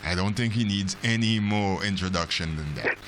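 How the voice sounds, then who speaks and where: A man's voice: low-pitched, normal speed, background noise. A man hosting a casual call-in chat, often repeating his phrases. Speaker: radio host.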